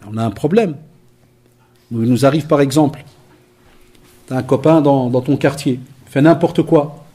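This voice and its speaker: Husky-voiced man giving a lively lecture. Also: mid-range voice, normal speed, long pauses. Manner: lively storytelling, acts out dialogues, mixes in Arabic phrases. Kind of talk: conference talk to young people.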